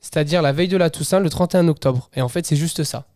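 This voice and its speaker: A man's voice: fairly high pitch, quick pace, darkish tone, no room sound, clean studio sound, soft background music. A young man, a student co-presenter, explaining a topic on a radio show and asking questions. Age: young adult. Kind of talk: casual radio chat. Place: radio studio.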